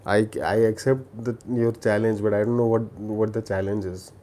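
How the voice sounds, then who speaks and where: Speaking at a normal pace, this Telugu-accented Indian livestream host suggests films in a lowish, dark, steady voice. His casual talk is full of repeated words and restarted sentences.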